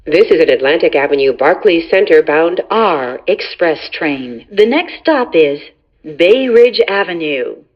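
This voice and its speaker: A woman's voice: a little slow, muffled recording. Woman's spliced-together train announcement voice. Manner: even, formal announcing with abrupt pitch jumps between joined phrases. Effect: spliced-together prerecorded words. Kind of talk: recorded transit announcements.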